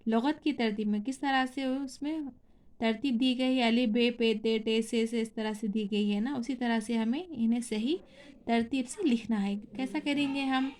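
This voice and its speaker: A woman's voice: a little high, steady tone, a little mellow. A woman teaching a recorded lesson, spelling words out letter by letter and asking questions she then answers herself. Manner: spells out letters slowly, asks and answers her own questions. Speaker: school teacher. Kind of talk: classroom lesson.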